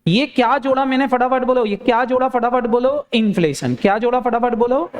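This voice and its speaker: A man teaching an accounting class in a lecture style, firing questions at students and answering them himself in a lower voice. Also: steady tone, brisk. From India. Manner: urging, repeats phrases for emphasis.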